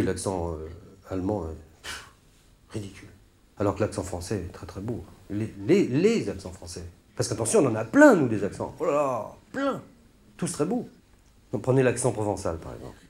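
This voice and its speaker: A man's voice: lowish voice, darkish tone, a little hiss or hum. A man performing a stand-up monologue on stage, rambling through sardonic, mock-indignant asides. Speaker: stand-up comedian. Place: stage before a laughing audience.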